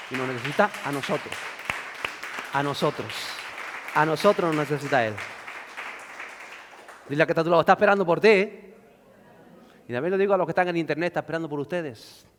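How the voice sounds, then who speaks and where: A man preaching a sermon who swings from loud shouts to hushed lows and acts out the voices of the figures he reads about. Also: a little fast, pauses often, big-room sound, a faint crowd. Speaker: pastor.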